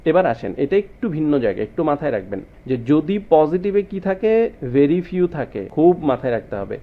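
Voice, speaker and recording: A man's voice: a little high, big pitch swings, normal speed, narrow, tinny audio. A man teaching a grammar lesson to students, often asking them rhetorical questions. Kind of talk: explanatory lesson.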